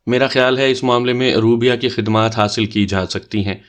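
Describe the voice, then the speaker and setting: Playing a playful young man leading a party game, a male speaker banters and teases his sister. His natural voice sits at medium pitch with fairly even intonation.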